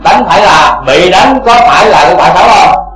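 High-voiced man giving a dharma talk. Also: animated, fairly quick, roomy sound, over music, poor audio. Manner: asks the audience rhetorical questions again and again. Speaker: Buddhist Dharma teacher.

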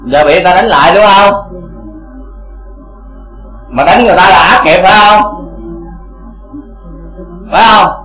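A man's voice: high voice, normal speed, long pauses, bright, forceful tone, reverberant, faint music behind, low-quality recording. A man teaching Buddhist dharma to a congregation, asking rhetorical questions again and again.

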